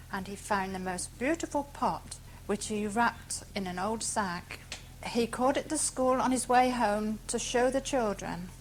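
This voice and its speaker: A woman's voice: medium pitch, poor audio. A woman tells a reminiscence as a local resident. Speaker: local resident recalling memories. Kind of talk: storytelling reminiscence. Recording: amateur 1985 tape, faint noise.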